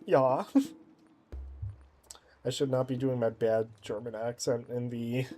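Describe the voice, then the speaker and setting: A man's voice: mid-range voice, little pitch movement, normal speed, mellow. Chatty man streaming a game. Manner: chatty, laughs often, thinks aloud while playing. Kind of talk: casual livestream chat.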